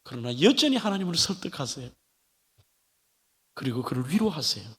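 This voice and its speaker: A male pastor delivers an animated sermon, his fairly high voice swinging widely up and down. The sound carries a long church-hall reverb. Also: normal speed. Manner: animated preaching, acting out pleading voices of biblical figures. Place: church sanctuary.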